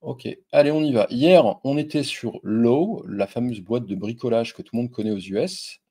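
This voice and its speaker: Casual male finance host, husky, warm low tone, chatty, swears freely, talks straight to camera. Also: moderate pace. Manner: loose and chatty, frequent fillers and crude slang; addresses viewer directly and informally. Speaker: stock investing video host. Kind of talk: casual screen-share investing explainer.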